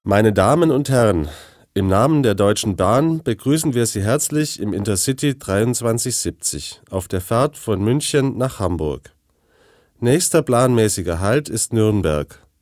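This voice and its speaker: A man reading formal train announcements in a steady, announcing way. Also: fairly low pitch, unhurried, no room sound, clean studio sound.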